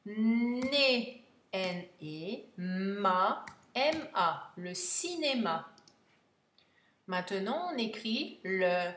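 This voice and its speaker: A woman teacher giving a slow spelling dictation, stretching each word and spelling it out letter by letter. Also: mid-range voice, very animated, a bit bright, slight background noise. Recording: echoey room.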